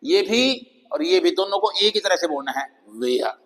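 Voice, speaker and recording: A man with a Hindi accent teaching English pronunciation, slowly spelling out letters and repeating example words one by one. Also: high voice, lively intonation, fairly bright tone. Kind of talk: classroom-style pronunciation lesson. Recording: long reverb of a hall-like room.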